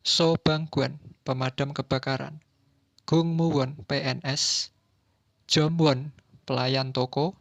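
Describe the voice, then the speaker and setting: A man reads a textbook language lesson at a very slow, deliberate pace, giving each word and then its meaning. The recording is dry and dull, with no room sound. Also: medium pitch, steady tone, vocal fry, fairly bright tone, no echo. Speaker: language teacher.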